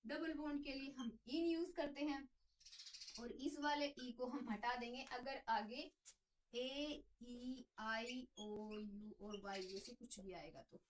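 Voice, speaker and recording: A woman's voice: a little high, fairly even intonation, slow, recorded from a distance, slight background noise, rough recording. A woman teaching a chemistry lesson, explaining step by step and answering her own questions as she goes. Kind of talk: classroom lecture.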